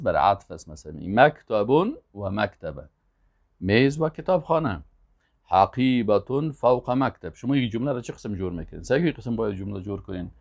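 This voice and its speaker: A man teaching Arabic, repeating each word slowly and emphatically, then adding quick explanations. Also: mid-range voice, creaky, a little mellow. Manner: slow, emphatic word-by-word repetition with quick asides. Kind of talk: language lesson, drilling vocabulary.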